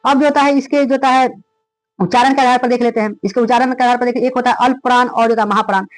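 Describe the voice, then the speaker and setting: A man's voice: very high-pitched, fairly even intonation, very fast, no room sound, low-quality recording. A male teacher with a Bihari Hindi accent giving an exam revision lecture, asking rhetorical questions and answering them himself, with lots of filler phrases.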